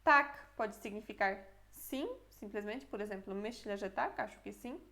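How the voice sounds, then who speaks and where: A woman's voice: medium pitch, normal speed, sharp tone. A young adult woman teaching a casual online language lesson, explaining step by step and checking in with the viewer often.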